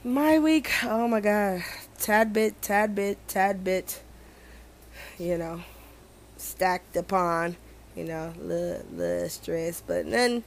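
A woman hosting a casual morning show, talking in a laid-back, soft-spoken and slangy way. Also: on the low side, vocal fry, slight background noise. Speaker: host. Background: music playing.

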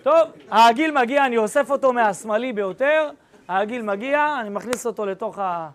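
A young male rabbi with an extremely high-pitched voice recounts an episode to a class of students. His storytelling is lively and slangy.

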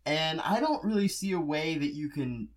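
A man's voice: a little high, moderate pace. A young man co-hosting a podcast, chatting casually and jokingly about a movie and laughing often. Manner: animated, laughs often, jokey. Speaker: podcast co-host. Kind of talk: casual movie review chat.

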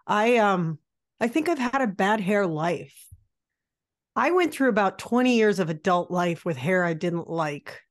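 A woman's voice: mid-range voice, lively intonation, a little slow. A woman in her late forties talks casually as a podcast co-host. She is candid and self-deprecating, and her talk is loose and full of fillers. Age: 40s. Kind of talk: casual chat.

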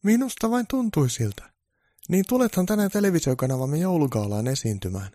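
A man voicing a pushy TV producer on the phone, with a high, pleading voice, in a comic story. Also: big pitch swings, dark tone, no room sound, studio quality.

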